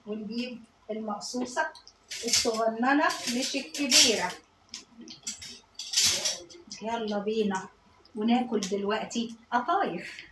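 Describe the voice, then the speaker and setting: A woman's voice: fairly high pitch, heavy background noise. A woman with an Egyptian Arabic accent, hosting a home cooking video and chatting with viewers as she works. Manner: chatty, talks to viewers while she cooks. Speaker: cooking channel host. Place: home kitchen. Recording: echoey kitchen with dish and pan clatter.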